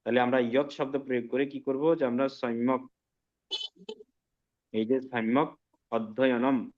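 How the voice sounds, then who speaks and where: A man teaching an online language class, explaining slowly and often checking that students follow. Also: mid-range voice, steady tone, narrow, tinny audio. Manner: slow, patient explaining with frequent check-ins to students. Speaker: Sanskrit teacher.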